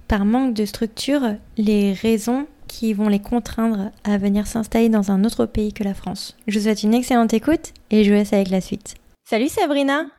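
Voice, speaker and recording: Warm-toned woman podcast host. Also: on the high side. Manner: friendly questions, short backchannels. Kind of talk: podcast interview.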